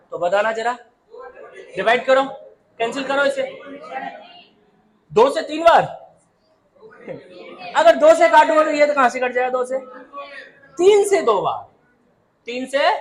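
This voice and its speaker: High-voiced man teaching a lively math class. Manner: lively, keeps asking students to answer aloud; calls students "beta" and "babu".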